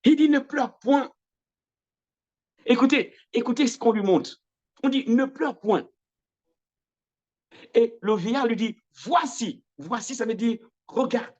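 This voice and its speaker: A man's voice: a little slow, muffled recording. A man preaching a sermon with great passion, his voice rising and falling sharply, often repeating phrases and stumbling into restarts. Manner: impassioned preaching with big swings in pitch and loudness.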